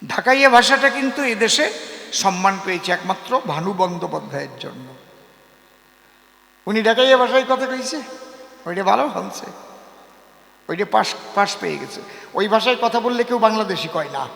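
A male folk poet with a rural East Bengali accent, cracking jokes and quizzing the crowd from a stage. His voice sits high and gravelly with a bright, forceful edge. It rings through a big echoey hall with a long reverb. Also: lively intonation, normal speed, pauses often. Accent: East Bengali rural dialect. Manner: joking, storytelling, asks the audience questions. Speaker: folk poet and kabigaan singer. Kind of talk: humorous stage banter with audience.

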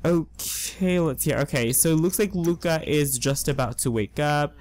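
Hoarse, excitable young man narrating gameplay. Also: on the high side, moderate pace. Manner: chatty and excitable, gushing with slang. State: hoarse, losing his voice. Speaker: let's play host. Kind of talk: casual gameplay commentary.

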